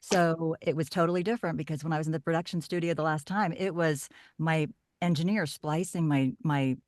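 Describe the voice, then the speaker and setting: Low-voiced chatty middle-aged woman. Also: a little fast, dry recording, studio quality. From Oklahoma. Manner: chatty storyteller, animated asides. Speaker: voiceover artist guest. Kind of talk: casual podcast chat.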